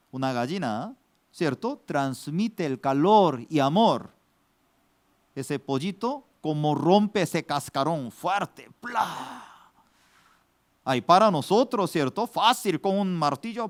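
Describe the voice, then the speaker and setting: A man preaching a Bible study as pastor, speaking in broken, simple phrases in short bursts and swinging between soft low asides and loud exclamations.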